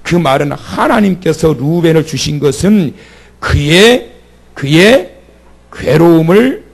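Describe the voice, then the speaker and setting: A man's voice: fairly high pitch, expressive, slow, gravelly, slightly rough. A male pastor preaching at a church prayer meeting in a conversational way, asking the congregation questions and having them repeat phrases after him. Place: church sanctuary.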